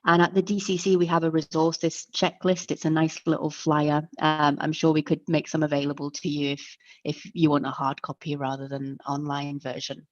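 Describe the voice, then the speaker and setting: An English-speaking woman, presenting a webinar, gives a friendly online lecture step by step in a low, deep voice that stays monotone at a moderate pace. Her sound is close and dry with no echo or room sound, dull and lo-fi like video call audio.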